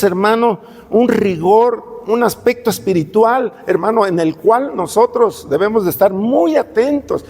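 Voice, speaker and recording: Male pastor, conversational sermon, high-ish voice, church reverb. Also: darkish tone. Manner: conversational preaching, repeatedly addressing "hermano" and asking questions. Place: church hall. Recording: long reverb of a church hall.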